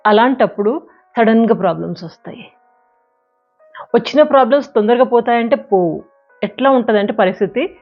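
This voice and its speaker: Woman motivational speaker, dull audio. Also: on the high side. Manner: storytelling, conversational, with sound words. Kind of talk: motivational talk with a fable.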